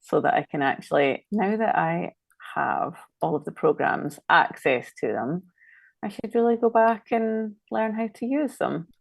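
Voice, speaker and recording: A woman's voice: fairly low pitch, expressive, a little slow, gravelly, no room sound. A woman with a Scottish accent, a designer chatting casually and thinking aloud as she works through a live-stream demo. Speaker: designer guest.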